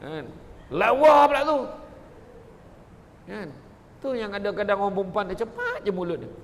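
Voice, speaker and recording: A man with a Malaysian Malay accent giving a humorous religious talk, animated and jokey, often slipping into characters. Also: high-pitched, normal speed. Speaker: preacher. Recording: echoey hall.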